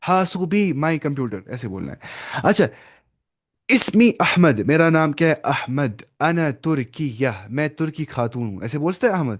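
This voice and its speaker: A man's voice: fairly high pitch, lively intonation. A man teaching an online language class, explaining step by step, mixing in English words and quizzing his students by name. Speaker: Arabic teacher.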